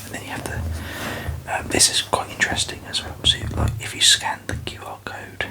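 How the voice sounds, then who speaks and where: A person whispering an ASMR review very softly, with tingly mouth sounds and halting, unhurried phrasing. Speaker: ASMR video host.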